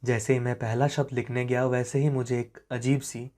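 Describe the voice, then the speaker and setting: A man narrating a horror story in a slow, suspenseful way that often sinks to a hush. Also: medium pitch, flat delivery.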